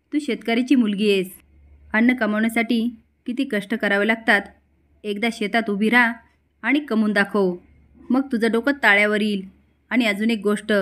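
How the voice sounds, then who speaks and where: A woman's voice: on the high side, close to an everyday voice. A woman reading the lines of a stern elder brother who lectures his sister about respect for food. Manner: lecturing, firm.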